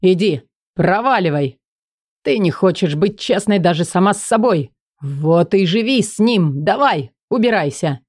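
A woman's voice: fairly low pitch, expressive, measured pace, darkish tone, no echo, clean studio sound. A woman voicing a desperate young man in an audiobook, speaking in an urgent, insistent way. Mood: angry insistence.

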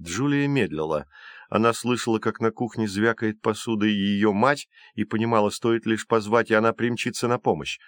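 Low-voiced man narrating a storybook. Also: no room sound, studio quality. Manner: measured, expressive. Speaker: audiobook narrator.

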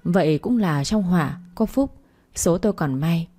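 A woman narrating a dramatic first-person audio story in a steady storytelling manner. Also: fairly low pitch, moderate pace.

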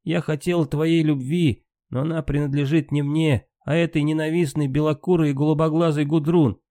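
Brief: male reader as heated valkyrie queen in a storybook, lifted pitch, mellow tone. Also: steady tone, normal speed, no echo, studio quality, lightly acted. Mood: anguished. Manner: raised, impassioned delivery. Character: proud grieving valkyrie queen, a woman.

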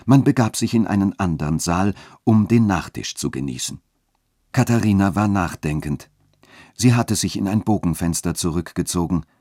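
A man narrating a literary story in a measured, even manner. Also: deep voice, dry recording, clean studio sound. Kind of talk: literary reading.

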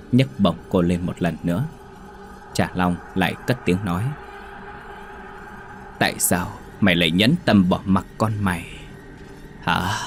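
Deep-voiced male horror narrator.

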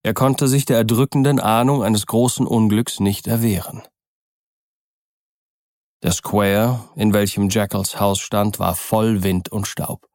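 A male audiobook narrator reading in a measured, even way, his voice on the low side. The sound is dry and close, with no room around it. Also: no echo. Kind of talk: scripted narration.

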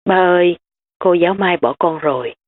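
A woman's voice: lowish voice, normal speed, a little hiss or hum, close to an everyday voice. A woman reading the lines of a tearful, pleading young girl in an audiobook. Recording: tinny phone-like sound.

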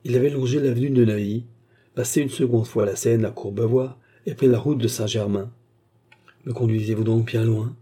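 A man narrating a classic novel in a steady, measured audiobook reading. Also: mid-range voice, husky.

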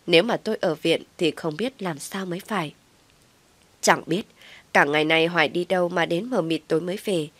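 A woman calmly narrating a first-person family drama story. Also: lowish voice, no echo.

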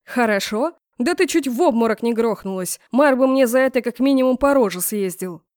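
Lady reading as a gruff winged guy, snaps commands, mocking, dry close sound. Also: on the high side, lively intonation, a little fast, darkish tone, no room sound, pitched above the performer's own voice, lightly acted. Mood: exasperated. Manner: brusque, barking orders. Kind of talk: audiobook character voice.

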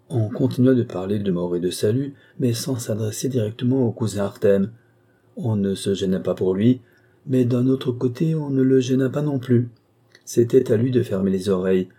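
A man narrating a novel in a steady, even storytelling manner. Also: lowish voice, breathy edge. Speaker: audiobook narrator. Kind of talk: scripted narration.

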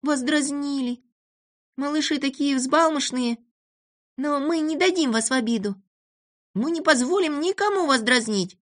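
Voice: high-pitched, a little slow, a bit bright, voice pushed up. A storybook reader voicing a little girl who speaks soothingly and with pity. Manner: soothing, pitying. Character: tender caring little girl.

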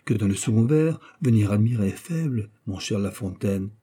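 A man's voice: fairly low pitch, animated, normal speed, mellow, husky. A man voicing a wry, teasing playwright in an audiobook, poking fun at a distracted friend. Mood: amused. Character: amused, teasing male playwright. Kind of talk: audiobook character voice.

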